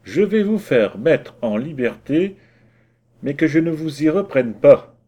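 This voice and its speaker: A man's voice: fairly high pitch, sing-song, measured pace, mellow, pitched above the performer's own voice. A man voicing a stern, pompous village mayor in a storybook reading, giving curt, indignant orders.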